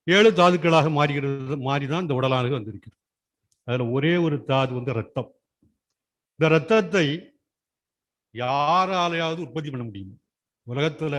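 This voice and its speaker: Man giving a school yoga talk. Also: a little high. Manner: rhetorical questions answered himself. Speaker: speaker at a school yoga day event. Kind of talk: explanatory public speech. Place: school function.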